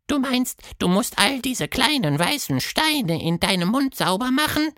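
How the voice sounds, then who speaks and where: A squeaky little tentacled creature. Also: male voice, very animated, unhurried, pushed and bright, dry recording, clean studio sound, exaggerated voice. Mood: squeaky, pleading. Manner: squeaky, high-pitched. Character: small squeaky tentacled fantasy creature, playful and earnest. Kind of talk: storybook narration.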